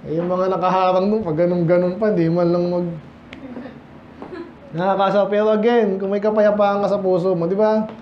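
In an echoey church hall, a Filipino pastor speaks at a high pitch during a midweek Bible study, conversing with the congregation and asking them questions while mixing Tagalog with English. The audio is lo-fi, with slight background noise.

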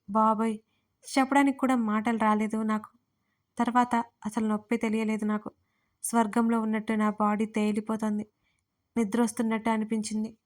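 Woman narrating an emotional story in a flat, steady voice. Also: on the high side. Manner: emotional storytelling, voicing all characters herself. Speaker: writer and narrator. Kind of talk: first-person audio story narration.

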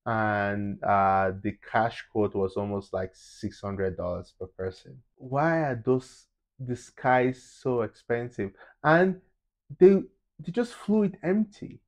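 A young man co-hosting a travel vlog, chatting casually and opinionated, recorded in a hotel room on a lapel mic. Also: medium pitch. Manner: animated, opinionated, laughs easily. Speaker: travel vlogger co-host. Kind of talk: casual review chat.

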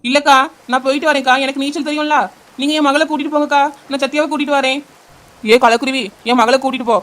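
A woman voicing a brave, kind young aunt in a cartoon, speaking briskly and reassuringly. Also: high voice, steady tone, fairly bright tone. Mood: determined. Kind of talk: cartoon voice acting.

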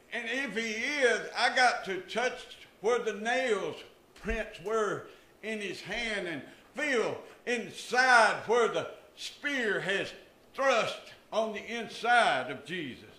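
An older man serving as pastor preaches from the pulpit with a high, pushed, bright voice. Emphatic rises and drops mark his sermon, which echoes through the church room.

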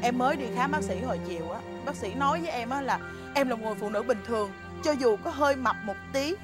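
Woman, Southern Vietnamese accent, melodramatic whining, high voice, quick pace, music underneath. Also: expressive. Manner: melodramatic, whiny complaining. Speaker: comic actress playing a wife. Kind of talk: southern Vietnamese sketch comedy.

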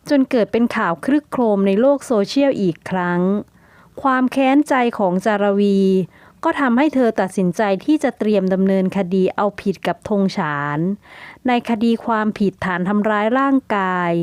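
A woman narrating a story in a calm, even, scripted reading. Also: fairly high pitch, no room sound.

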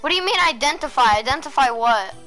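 A young woman streaming a game and chatting with a friend in a dark room at home, bossy, teasing and exasperated, full of "dude" and "literally". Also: sits high, expressive, quick pace, faint music behind. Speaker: gaming streamer. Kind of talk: casual gameplay chat with a friend.

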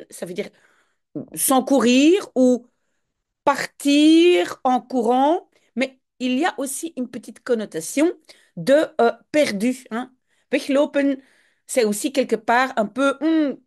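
A woman's voice: a little high, darkish tone. Patient woman teacher. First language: French. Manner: patient, explanatory, uses "hein". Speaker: language teacher. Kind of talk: slow read-aloud then explaining in class style.

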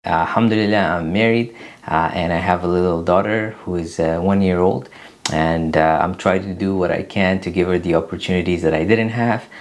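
A man in his thirties from Afghanistan, hosting his own channel and answering viewer questions in a casual, earnest way with many pauses. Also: sits low. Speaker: YouTube channel host. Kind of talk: casual Q&A to camera. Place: small room indoors. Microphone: camera at desk distance, seated.

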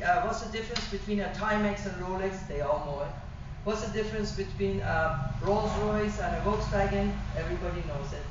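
A middle-aged woman from Iran with a Persian accent, giving an animated sales presentation about private travel to a small audience. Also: medium pitch, background noise. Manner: animated, gesturing, with frequent fillers and restarts. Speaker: tour operator presenter. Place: small function room. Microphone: far room camera. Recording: distant, echoey, dull room recording.

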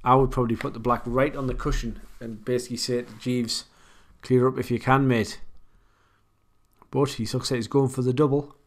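Commentating on an online game of pool, a mid-range-voiced man keeps things casual and flat, at a medium pitch. He chats along, frequently pausing to muse over the shot he would choose.

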